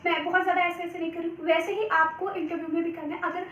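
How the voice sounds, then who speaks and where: A woman's voice: extremely high pitch, flat delivery, fast, pushed and bright, far from the mic, a little hiss or hum. A young Indian woman giving interview advice in a chatty vlog, mixing Hindi and English and often checking in with her viewers. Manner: chatty, repeats "theek hai" often; switches between Hindi and English. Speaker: vlogger giving cabin crew interview tips. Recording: echoey room, voice off-mic.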